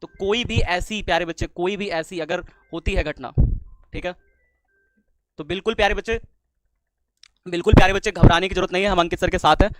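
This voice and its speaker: A man teaching at a coaching class who speaks to students in an emotional appeal, pleading again and again and rising into loud, fervent declarations. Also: high-pitched, steady tone, brisk, pauses often, a little hiss or hum. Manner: pleading, with folded-hands requests.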